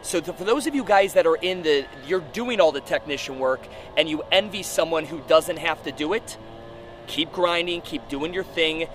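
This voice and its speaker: A man's voice: on the high side, moderate pace, a bit bright, faint music behind. A man giving a blunt, profane, casual podcast monologue as a gym owner, speaking outdoors on a rooftop. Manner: profane, blunt, informal coaching talk. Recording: outdoor urban noise with traffic.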